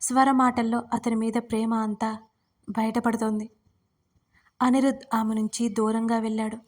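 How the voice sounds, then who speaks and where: A woman's voice: a little high, normal speed. Woman reading a romance story. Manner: steady, expressive storybook reading.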